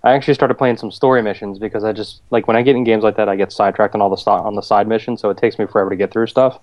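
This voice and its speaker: This is a man with a somewhat low voice co-hosting a relaxed podcast over a video call. He rambles along in an easygoing way and fills his pauses with "um" and "like.". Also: highs cut off. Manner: easygoing, rambling with many fillers. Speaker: podcast co-host.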